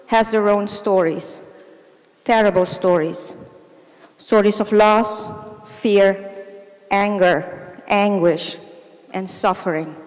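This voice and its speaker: A middle-aged woman giving a prepared speech as a volunteer, measured and formal, delivered in short phrases. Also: mid-range voice, a little mellow. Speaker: volunteer speaker. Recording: long reverb of a large hall.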